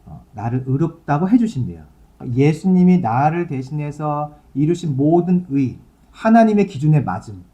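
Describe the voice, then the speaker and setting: A man's voice: a little high, very animated, moderate pace, mellow. A male pastor giving a sermon in a conversational, explaining way, reading scripture aloud and then talking it through for his congregation.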